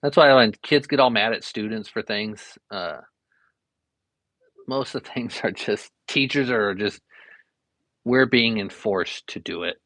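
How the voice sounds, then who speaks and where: A man's voice: fairly low pitch, measured pace, pauses often, a bit bright, no echo. A young adult man, an art teacher and variety streamer, chatting casually and rambling with many fillers while drawing live at home. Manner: rambling, easygoing, lots of fillers.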